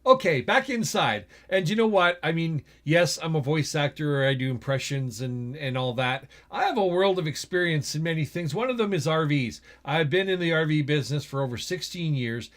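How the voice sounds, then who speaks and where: A man's voice: fairly high pitch, moderate pace, few pauses, a bit bright. A middle-aged man with a Western Canadian accent, talking casually and with opinions in an explanatory vlog, checking in with the listener as he goes, recorded indoors in a small space. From Edmonton, Alberta, Canada. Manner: conversational, opinionated, often asks "okay?" and "right?". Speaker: vlogger, RV store general manager.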